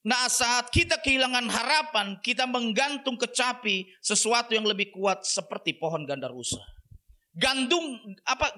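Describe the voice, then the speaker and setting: A man's voice: very high-pitched, bright, forceful tone. A male pastor preaching a sermon, emphatic and repetitive, addressing the congregation directly. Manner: repeats catchphrases, emphatic preaching.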